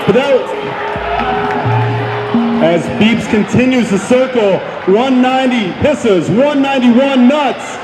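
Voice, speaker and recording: A man giving excited live play-by-play sports commentary, rallying the crowd as an announcer. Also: very high-pitched, slow, long pauses. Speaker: roller derby announcer. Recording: echoey venue, loud music and crowd.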